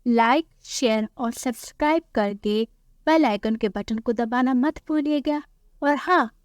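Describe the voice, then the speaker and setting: A woman storyteller giving scripted narration of a children's cartoon story in an even, storybook way. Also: fairly high pitch, measured pace, no echo, studio quality.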